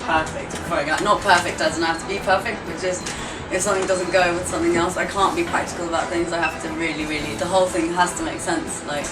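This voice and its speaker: A Turkish woman in her twenties, whose first language is Turkish, talks casually and hesitantly about her gallery in an interview, using many fillers. Her lowish voice is fast, fairly flat in pitch, and hardly pauses. The room is echoey, the mic distant, and music plays behind her.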